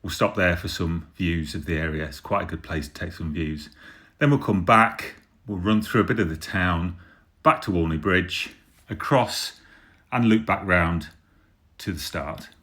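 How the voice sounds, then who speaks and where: A middle-aged man narrates a route as a vlog voice-over. His voice sits low, and he explains things step by step. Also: measured pace, pushed and bright. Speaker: vlogger introducing a route.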